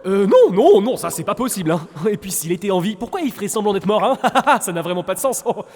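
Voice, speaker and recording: Man playing a high-pitched, flustered villain's sidekick. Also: big pitch swings, brisk, a little mellow. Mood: panicky evasive. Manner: stammering, flustered, over-explaining. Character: nervous, bumbling villain's sidekick, male, evasive and flattering. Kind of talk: comic audio drama acting.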